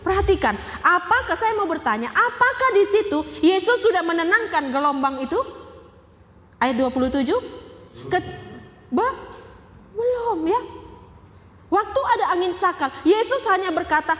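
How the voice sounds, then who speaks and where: A woman's voice: very high voice, animated, moderate pace, pauses often, a bit bright, big-room sound. A woman pastor giving a sermon. She speaks emphatically, asks the congregation questions and repeats key phrases.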